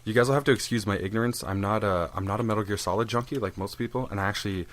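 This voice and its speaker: A man's voice: fairly low pitch, rapid-fire. A young man hosting a casual video game podcast, rambling and joking, restarting his sentences often. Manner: rambling and jokey, with frequent restarts and fillers. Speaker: podcast host. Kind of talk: casual chat about video games.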